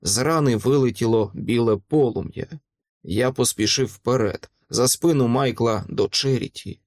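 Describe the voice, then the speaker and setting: A man's voice: medium pitch, moderate pace, no room sound. A man reading a dramatic first-person audiobook narration with vivid delivery.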